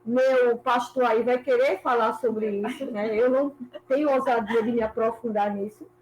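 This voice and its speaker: A woman with a high voice shares her thoughts in a church book club over a video call. She speaks in an animated way, working her ideas out as she goes, with faint noise in the background. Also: moderate pace, rough recording. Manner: animated, thinking aloud. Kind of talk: casual group discussion.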